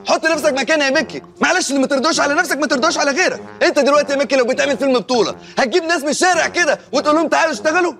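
A man with an Egyptian Arabic accent bantering as an actor on set, loud and exasperated in a comic sketch. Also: very high-pitched, over music. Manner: loud, exasperated, rapid complaining.

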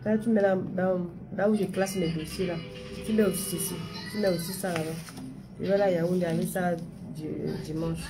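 Young woman chatting on her live stream, bit of a stammer, keeps repeating stuff to viewers, music going loud behind her. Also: lowish voice, fairly even intonation, normal speed. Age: young adult. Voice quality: slight stammer she says has eased. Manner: chatty, addresses viewers directly, repeats phrases. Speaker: livestream host answering viewers. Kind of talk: casual live-stream chat.

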